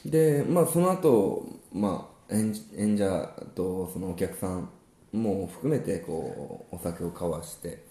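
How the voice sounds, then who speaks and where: A man co-hosting a casual podcast chat, telling about his gigs in a relaxed, rambling way with many fillers. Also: low-pitched, slow pace, reverberant. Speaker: musician co-host.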